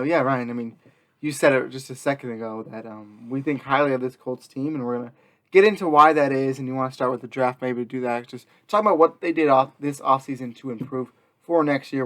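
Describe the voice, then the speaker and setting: Relaxed, teasing man co-hosting sports talk. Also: medium pitch. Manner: relaxed, teasing, loosely phrased. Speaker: podcast co-host. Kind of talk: casual sports discussion.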